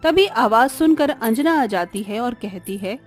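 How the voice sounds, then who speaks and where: A woman reading scripted narration for a cartoon story in an even, plain manner. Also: a little high, measured pace, faint music behind.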